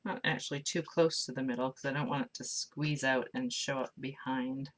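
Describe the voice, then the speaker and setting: A woman's voice: extremely low pitch, steady tone, normal speed. A woman teaching a live craft class, chatting casually and mumbling to herself as she works. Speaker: craft instructor.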